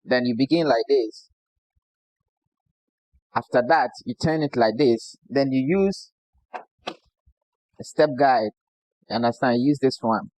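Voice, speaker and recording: A man's voice: medium pitch, slow pace, pauses often, a little mellow, no room sound, poor audio. A man from Ghana with a Ghanaian English accent, a barber giving a casual hands-on demo who keeps asking "you understand?". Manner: repeats "you understand?" as a constant check-in.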